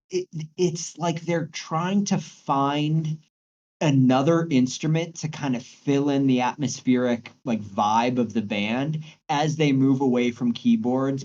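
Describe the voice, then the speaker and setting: Talking casually about music, a podcast co-host hesitates often, restarting sentences and repeating words as he thinks. His mid-range voice has a darkish tone, and the audio sounds dull.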